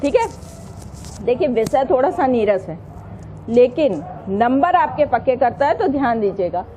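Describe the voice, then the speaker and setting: A woman's voice: sits high, very animated, a little slow, dark tone, dull audio, slight background noise. A woman teaching an exam-prep grammar lesson, patiently sounding out letters one by one and asking questions she then answers herself.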